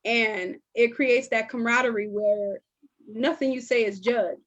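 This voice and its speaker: Female host, casual chat, slightly high voice, dull lo-fi stream audio. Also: fairly even intonation, measured pace, a bit bright.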